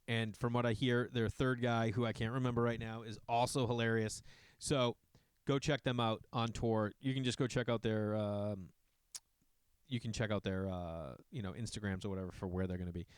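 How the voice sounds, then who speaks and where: A man's voice: medium pitch, clear, resonant tone, dry recording, clean studio sound. A middle-aged man from Massachusetts hosting a podcast, rambling casually with profane asides to his listeners. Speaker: podcast host. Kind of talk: casual monologue.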